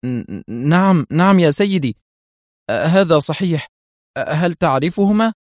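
A man's voice: mid-range voice, lively intonation, moderate pace, dry recording, clean studio sound, close to an everyday voice. A man voicing a nervous male spy agent who stammers and hesitates. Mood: flustered.

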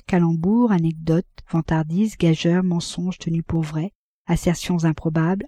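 Dark-voiced woman reading a novel. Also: lowish voice, no echo. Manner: measured, even reading. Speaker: audiobook reader. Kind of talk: scripted narration of a classic novel.

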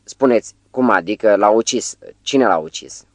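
A man reading the part of a quiet, courteous male bystander who speaks softly in an audiobook. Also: on the low side, dry recording, natural voice. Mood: polite. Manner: soft-spoken, courteous.

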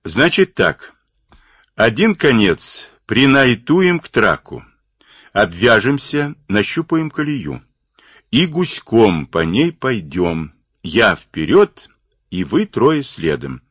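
A man reads as a gruff, blunt polar driver in an audiobook, his voice very low and swinging widely in pitch. He grumbles his orders, and the recording is dry and close. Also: big pitch swings, slow, fairly bright tone, no echo, full character voice. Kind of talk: audiobook reading.

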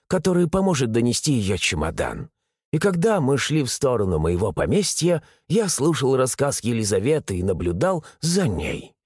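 A man narrating an audiobook in the first person with expressive storytelling. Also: medium pitch, husky, dry recording, clean studio sound.

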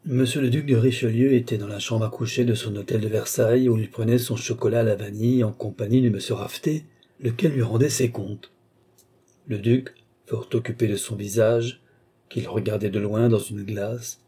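Man, audiobook narration, husky, dark tone, measured. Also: medium pitch. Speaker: audiobook reader. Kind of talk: scripted narration.

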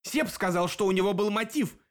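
A man voicing a hot-headed male werewolf in an audiobook, shouting accusations. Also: high voice, big pitch swings, brisk, pitched above the performer's own voice, full character voice. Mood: angry.

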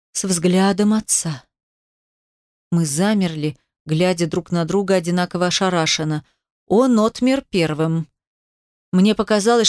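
A woman's voice: mid-range voice, dry recording, studio quality. A woman narrating a first-person audiobook with an emotive, dramatic reading.

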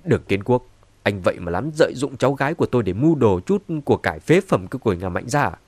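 A man's voice: medium pitch, big pitch swings, fast talker, darkish tone, dry recording. A scornful, scheming grandmother in a spoken audiobook, put on by a male narrator. She mocks and scolds with a cutting edge. The recording is close and dry. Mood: angry. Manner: scornful, mocking. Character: sharp-tongued scheming grandmother, sneering and quick to anger.

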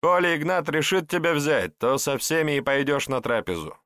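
A performer lifts his voice above its natural pitch to play a grumbling, reluctant young estate worker, stocky and well fed, in an audiobook. The pitch is fairly high, the tone a bit bright, and the speed normal, recorded dry at studio quality.

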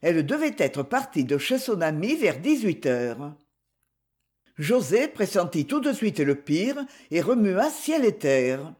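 Audiobook narrator, measured reading, lively pitch that moves a lot. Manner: steady, measured literary reading. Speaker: audiobook reader. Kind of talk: scripted narration.

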